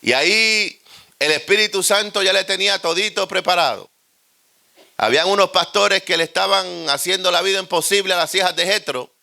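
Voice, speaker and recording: A man with a Puerto Rican accent preaching a humorous storytelling sermon, animated and joking. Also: sits high, normal speed, creaky.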